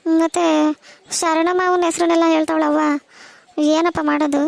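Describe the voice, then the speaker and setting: Woman playing a crying cartoon teen girl, very high and narrow-pitched, fast, gravelly, pleading. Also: little pitch movement, dry recording. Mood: tearful. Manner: pleading, worried questions. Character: tearful teenage village daughter, anxious and pleading. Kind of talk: cartoon voice acting.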